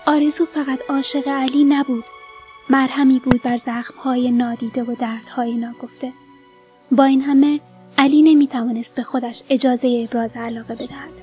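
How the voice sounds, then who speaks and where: A woman narrating a novel aloud in a soft, measured way, sometimes sinking to a whisper. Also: high-pitched, rough recording. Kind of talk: audiobook narration.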